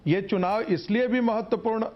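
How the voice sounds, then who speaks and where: A man's voice: sits high, moderate pace, highs cut off. A man speaking as a panelist in a televised debate over a remote line with echo, hesitant and restarting his sentences. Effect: echoey remote audio line.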